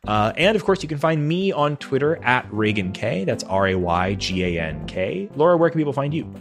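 A man's voice: mid-range voice, big pitch swings, normal speed, faint music behind. A man hosting a podcast in casual chat, talking loosely with many fillers. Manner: chatty, fills with "uh" and "like". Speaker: podcast host.

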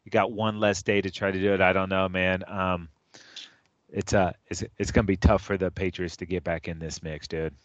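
A man's voice: sits low, flat delivery, moderate pace, no room sound, dull audio. A man co-hosting a casual sports chat, loose and jokey, often calling his partner dude. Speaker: sports podcast co-host.

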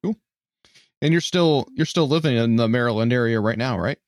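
A man's voice: mid-range voice, brisk, no room sound. A man with a mid-range voice hosts a podcast interview and keeps things easygoing. His replies are often short and casual. The sound is dry and close. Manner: easygoing, brief responses. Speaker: podcast host.

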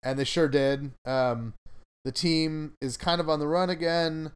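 Smooth-voiced man hosting a podcast. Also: fairly high pitch, fairly even intonation, measured pace. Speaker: podcast host. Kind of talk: casual podcast chat.

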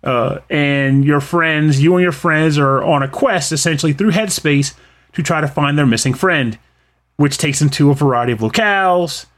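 A man's voice: fairly high pitch, normal speed, fairly bright tone. A man co-hosting a podcast, chatting with enthusiasm about a game and its music, laughing often and restarting his sentences. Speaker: podcast co-host. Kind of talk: casual chat about games and music.

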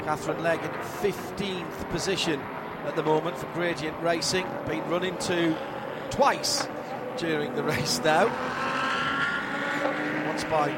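A man's voice: on the high side, steady tone, a little slow, pauses often. A man giving live motorsport commentary as a race commentator, calling positions and lap times from a trackside position. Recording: loud trackside engine and car noise. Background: loud race cars and track ambience.

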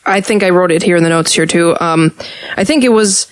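A woman's voice: lowish voice, brisk, no echo. A woman co-hosting a podcast in casual chat, laughing often and checking in with her partner. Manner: laughing, self-aware. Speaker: podcast co-host.

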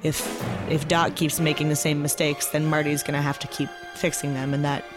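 A man giving a thoughtful, halting take on a film in casual podcast talk. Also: on the high side, little pitch movement, over music.

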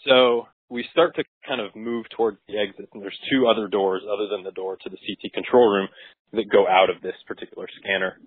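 A man, a physician, casually recounting a case on a podcast with relaxed, wry and crude asides. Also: fairly low pitch, fairly quick, husky, dry recording. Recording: tinny dry phone-like recording.

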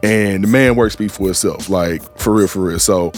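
A man's voice: sits low, normal speed, soft background music. A man co-hosting a podcast, chatting casually and emphatically, swearing freely.

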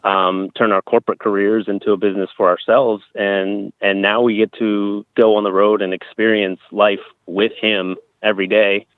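Low male voice, phone-like sound, man in his thirties, casual interview answers. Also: flat delivery, normal speed, hardly any pauses, no echo. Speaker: interview guest. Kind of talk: casual conversational interview, telling personal experiences. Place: outdoors at a campground. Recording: thin phone-like line.

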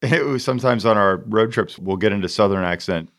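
A man's voice: lowish voice, a little fast, fairly bright tone. A middle-aged man hosting a podcast, joking and laughing often in casual chat. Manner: jokey, upbeat, laughs often. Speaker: podcast host.

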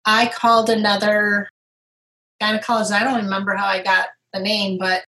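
In a roughly recorded interview, a middle-aged woman with a medium-pitched voice speaks at a moderate pace about her own recovery. She's earnest and open, acting out past moments with vivid quoted voices.

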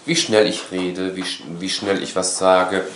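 A man in casual conversation, talking in an animated, rambling way and often tagging his sentences with a questioning "ne". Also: sits low, measured pace, very noisy. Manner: animated, rambling, frequent tag "ne?". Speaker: course instructor. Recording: echoey room.

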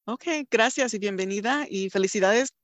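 Hosting a community radio interview recorded via video call, a woman speaks in a medium pitch at normal speed, full of warm congratulations. The audio carries no room sound.

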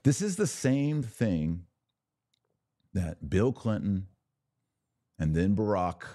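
On his live commentary podcast, a deep-voiced American religious commentator speaks directly and emphatically to viewers, using repetition to make his points land. His delivery is sing-song, slow, and mellow, captured in a dry recording with very little room sound.

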